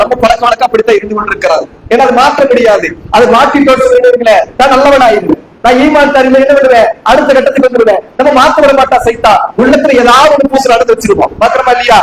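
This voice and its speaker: A man's voice: very high-pitched, fast talker, few pauses. A man from Tamil Nadu preaching a sermon to a congregation, asking them rhetorical questions again and again. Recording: echoey room with faint background noise.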